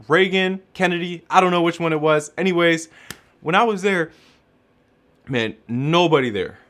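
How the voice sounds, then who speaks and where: A young man from Chicago telling a travel story in a casual, animated way, full of slang and acted-out quotes. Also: on the high side.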